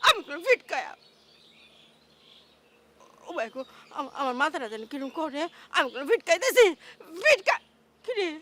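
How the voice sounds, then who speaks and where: A woman's voice: very high-pitched, sing-song, brisk, sharp tone, exaggerated voice. A woman playing a melodramatic village mother who wails and laments in a Sylheti accent. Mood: wailing. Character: middle-aged village mother, melodramatic and self-pitying. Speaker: wailing mother.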